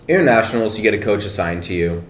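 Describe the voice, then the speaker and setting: Deep-voiced man chatting casually. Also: fast. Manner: relaxed, thinking aloud with many fillers. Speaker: powerlifter guest. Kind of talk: casual podcast chat. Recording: echoey room, faint noise.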